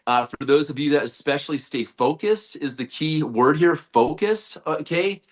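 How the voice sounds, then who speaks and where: Rambling man pitching on a call. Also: lively intonation, moderate pace. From United States. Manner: rambling, many fillers and restarts, hype-driven. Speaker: guest, network-marketing leader. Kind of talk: sales pitch on a group call. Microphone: video call.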